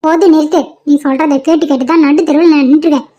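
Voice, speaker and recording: A woman's voice: high voice, fairly even intonation, rapid-fire, dark tone, lightly acted. A woman voicing a stern, angry mother in a cartoon, scolding harshly. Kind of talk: cartoon voice acting.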